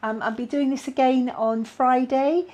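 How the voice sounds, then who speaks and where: A middle-aged woman with a British accent hosting a casual live-stream chat, talking warmly to viewers with plenty of fillers. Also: sits high, fairly even intonation, unhurried, highs cut off. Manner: chatty, many fillers, reads out viewer comments. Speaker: spiritual guidance host.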